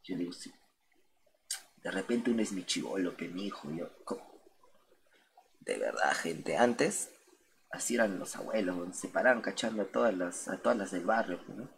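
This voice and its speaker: A young man with a very deep, low voice, spinning loose, profane stories for his viewers in the middle of a late-night game stream. He rambles from one tangent to the next in heavy street slang, speaking straight to his chat. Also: expressive, normal speed, vocal fry, long pauses, a little hiss or hum.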